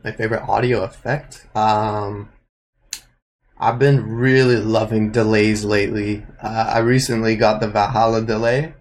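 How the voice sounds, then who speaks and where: A young man from Canada, a music producer answering interview questions in a relaxed way, thinking aloud with lots of fillers. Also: lowish voice, unhurried, rough recording.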